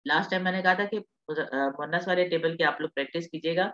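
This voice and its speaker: A woman's voice: lowish voice, a bit bright, highs cut off. A woman teaching an online class, patient and reassuring, mixing in English terms.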